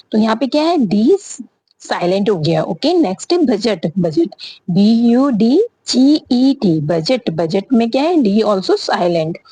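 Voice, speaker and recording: A woman teaching a spoken lesson, asking herself questions, answering them, and spelling words out slowly letter by letter. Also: medium pitch, warm tone, slightly rough, no echo. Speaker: English teacher.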